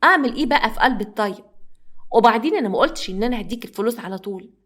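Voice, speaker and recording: A scornful, haughty stepmother in an Egyptian storybook tale, put on by a woman narrator, her voice pitched a little high. She talks down to everyone with quick, sneering contempt. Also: expressive, a bit bright. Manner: sneering, condescending.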